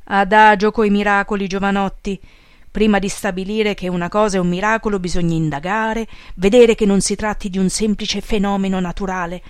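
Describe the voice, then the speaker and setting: A woman's voice: mid-range voice, fairly even intonation, brisk, clear, resonant tone, no echo, studio quality, natural voice. A woman voicing a stout, shrewd village priest who speaks in a firm, admonishing way.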